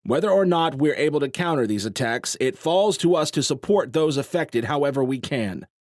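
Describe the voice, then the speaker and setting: Steady commander addressing a restless crowd, as the narrator plays him, raised voice. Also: male voice, fairly high pitch, normal speed, dry recording, studio quality, pitched above the performer's own voice, natural voice. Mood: rallying. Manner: firm, rallying. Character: steady male resistance commander rallying a crowd.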